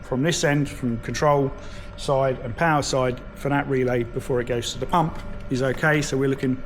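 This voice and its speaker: A man's voice: mid-range voice, steady tone, normal speed, soft background music. A man giving an informal, step-by-step hands-on tutorial as a mechanic in a workshop. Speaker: mechanic presenter. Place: vehicle workshop. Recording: noisy workshop background.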